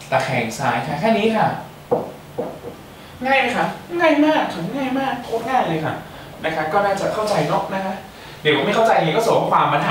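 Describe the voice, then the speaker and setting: A man's voice: sits high, fairly bright tone. Young male student tutor, playful and talkative; distant mic in a roomy space. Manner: playful, chatty, joking asides to students. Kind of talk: exam-prep math lecture. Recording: echoey room, mic far off, faint hiss.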